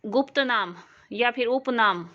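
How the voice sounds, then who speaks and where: A woman from Haryana teaching an exam-prep English lesson, explaining slowly and checking that her learners follow. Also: on the high side, dull audio. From Haryana, India. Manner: slow, explanatory, asks learners questions.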